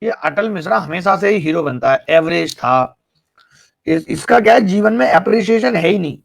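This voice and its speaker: Gravelly Hindi-speaking math teacher. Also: male voice, high-pitched, animated, normal speed, no room sound. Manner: explains step by step, teases students with jokes. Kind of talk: live online math class.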